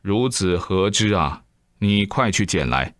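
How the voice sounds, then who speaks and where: A man voicing a stern, aloof old male immortal sage, declaiming slowly in a drawn-out, old-fashioned way. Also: low voice, lively intonation, fairly bright tone, no room sound, clean studio sound. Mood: scolding. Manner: slow, drawn-out classical declaiming.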